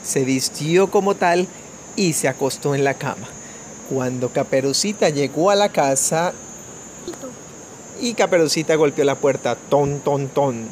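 A man from Colombia reading a fairy tale aloud to children at home in a gentle, measured storytelling manner, with a few small restarts. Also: a little high, a little hiss or hum. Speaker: family storyteller.

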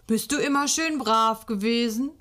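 A woman reading a storybook aloud, voicing a cheeky little boy who plays Saint Nicholas in a gruff, bossy, loud pretend-grown-up tone. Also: a little high, normal speed, lightly acted.

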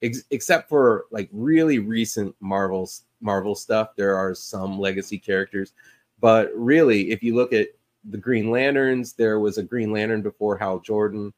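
A man with a fairly low voice talks casually on a podcast. He rambles and circles back on himself, filling the pauses with ums and likes. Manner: rambling, many fillers and restarts. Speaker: podcast co-host. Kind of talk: casual chat about comic book movies.

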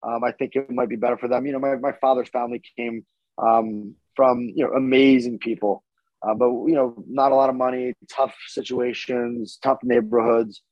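A man's voice: mid-range voice, level tone, normal speed, no room sound, lo-fi sound. Easygoing rambling Philly guy. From Northeast Philadelphia, born in Paris. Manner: easygoing, rambling, many fillers. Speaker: podcast guest. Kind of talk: casual interview chat.

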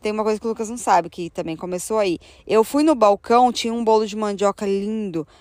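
A Brazilian woman tells a travel story to the camera in an easy, chatty way, jumping up in pitch when she acts out what she was thinking. Her voice is of middle height and sounds close and dry, with no room around it. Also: fast, no room sound. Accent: Brazilian Portuguese. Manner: animated, acts out her own thoughts in a higher voice. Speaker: travel vlogger. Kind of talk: casual storytelling.

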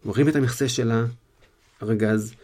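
A man's voice: medium pitch, darkish tone. A man retelling a story to listeners in his own words, casually, with small fillers.

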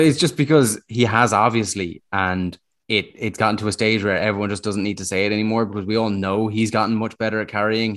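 A man's voice: lowish voice, fairly bright tone. An Irish-accented man chatting casually as a sports podcast panellist, opinionated and grumbling. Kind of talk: casual chat.

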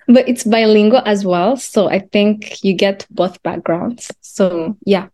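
A young woman from Rwanda, a podcast guest sharing her faith story in a soft, reflective way. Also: medium pitch. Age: young adult. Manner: soft-spoken, reflective, uses "like" and "you know". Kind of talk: interview testimony.

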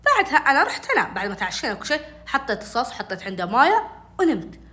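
A woman telling a childhood story in casual storytelling, animated and acting out each voice. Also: high-pitched, rapid-fire. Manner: animated, acts out every voice.

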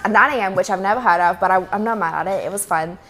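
Aussie woman hosting a podcast, talks quick, bubbly, a little background hiss. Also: medium pitch, sharp tone. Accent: Australian. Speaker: podcast host. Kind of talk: casual podcast chat.

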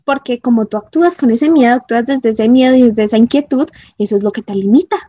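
A woman gives an emphatic motivational talk to viewers, often checking in with quick "¿sí?" and "¿mm?" asides. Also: a little high, mellow, slightly rough, lo-fi sound. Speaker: motivational speaker.

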